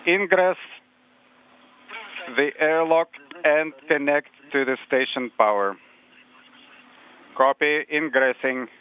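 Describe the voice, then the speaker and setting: A male interpreter relays terse radio procedure calls on a mission loop, clipped and matter-of-fact. His slightly high voice is slow, with long pauses, coming through a tinny, phone-like narrow radio band that resembles a spacecraft loop, with a little hiss or hum.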